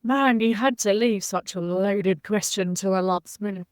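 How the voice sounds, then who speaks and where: A woman's voice: mid-range voice, moderate pace, no room sound. A woman from Zambia, a podcast guest, speaking in a reflective, candid way. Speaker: guest, social impact leader. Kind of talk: podcast interview.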